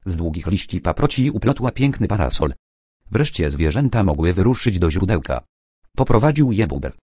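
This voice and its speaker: A man narrating a children's story in a calm, gentle storytelling manner. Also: deep voice, dry recording, studio quality.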